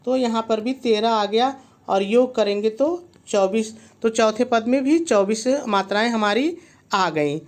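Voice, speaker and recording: Male teacher, unhurried and methodical, talks students through each count with patient prompts. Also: high-pitched. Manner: slow, methodical counting aloud; guides with frequent "see" and "okay" prompts. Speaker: Hindi poetry teacher. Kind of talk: online grammar lesson.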